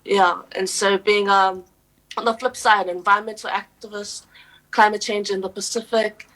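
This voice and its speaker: Earnest young New woman, flat delivery. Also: mid-range voice, rough recording. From New Zealand. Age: young adult. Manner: earnest and steady, with frequent "um" pauses. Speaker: guest, poet and youth advocate. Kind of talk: radio interview answers.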